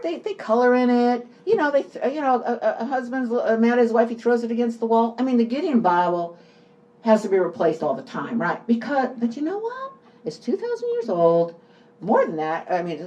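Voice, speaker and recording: An older woman talks off the cuff as an author at a book talk, informal and digressive, stressing and repeating words in unscripted conversation. Her voice sits on the high side and is a little mellow, and the recording sounds muffled.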